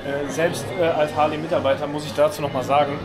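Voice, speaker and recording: A man's voice: fairly high pitch, flat delivery, quick pace. A young man filming a casual vlog, joking around in loose slang with a friend. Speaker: vlogger, Harley employee. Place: dim diner, later outdoors at night. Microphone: action camera on table, then helmet. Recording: music in the background.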